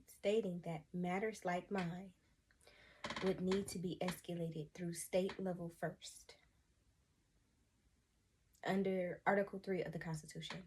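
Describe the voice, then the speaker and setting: A woman's voice: fairly low pitch, darkish tone, a little hiss or hum. A young adult woman from the United States giving an emotional personal testimony to camera, earnest, sighing often and calling her viewers y'all. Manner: earnest, addresses viewers as y'all, frequent sighs.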